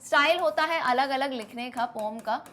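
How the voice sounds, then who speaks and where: A young Indian woman teacher explaining a poem to students in a lively way, asking them questions as she goes. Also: high voice, moderate pace, a little hiss or hum. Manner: lively, asks questions to students, mixes Hindi and English. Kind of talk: classroom lesson explanation.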